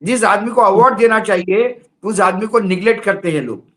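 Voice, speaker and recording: A man's voice: sits high, normal speed. A man commenting on politics in a studio discussion, heated and rhetorical, repeating his points.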